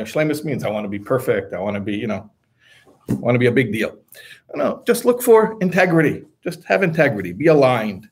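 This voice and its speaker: A man teaches a religious text in a husky voice. He talks in short, discursive bursts. He stops to explain each term as he goes. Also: mid-range voice. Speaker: Torah teacher.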